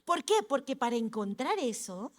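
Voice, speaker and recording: Woman pastor, Peruvian accent, high voice, animated church storyteller. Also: normal speed. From Peru. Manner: animated, acts out family members' voices. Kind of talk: sermon with storytelling. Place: church hall.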